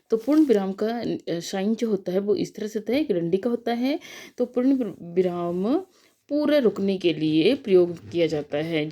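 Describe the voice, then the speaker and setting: A woman's voice: mid-range voice, warm tone. Patient woman teaching a grammar lesson. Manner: patient, repeats "ठीक है" and "अ" fillers, slows on examples. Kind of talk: explanatory Hindi grammar lesson.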